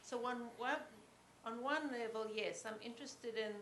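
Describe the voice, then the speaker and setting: A woman relaying an audience question to a teacher, speaking haltingly as she searches for her words. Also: on the high side, a bit bright.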